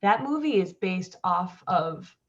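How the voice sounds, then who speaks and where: A woman's voice: lowish voice, animated, slow pace, dull audio. A woman playing a brazen soap-hustler caller. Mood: breezy. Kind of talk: improv comedy call-in.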